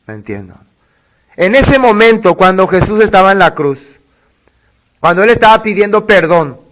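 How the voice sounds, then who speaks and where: High-voiced pastor preaching a sermon. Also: male voice, a bit bright. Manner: asks the congregation rhetorical questions; slow, deliberate scripture reading.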